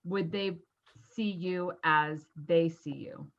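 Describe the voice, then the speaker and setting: A woman's voice: on the low side, fairly even intonation, slow pace, creaky. Chatty woman guest on lo-fi audio. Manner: chatty, laughs easily. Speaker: guest, social media strategist. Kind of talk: podcast interview.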